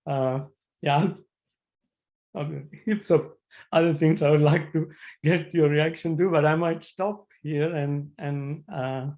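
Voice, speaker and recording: A man's voice: fairly high pitch, steady tone, takes it slowly, a little mellow, poor audio. A man from Sri Lanka speaking as a discussant on an academic panel, thinking aloud with many fillers and restarts over a video call.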